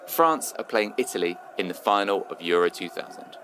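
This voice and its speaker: A man presenting and narrating a scripted radio sports history, crisp delivery. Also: deep voice, lively intonation, moderate pace, background noise.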